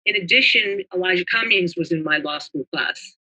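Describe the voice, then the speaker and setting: A woman's voice: lowish voice, normal speed, bright, forceful tone, rough recording. An older woman from New Jersey, a retired government lawyer, reminiscing in a meandering, chatty way as an interview guest.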